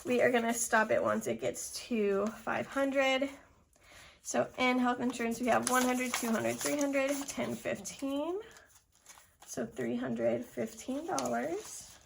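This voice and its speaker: Casting: young woman, higher-pitched, a bit winded, casual how-along narrator who tallies numbers aloud. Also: slow pace, creaky, noisy background. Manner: counts amounts aloud step by step. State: slightly out of breath. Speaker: budgeting video host. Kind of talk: casual narration of a hands-on task.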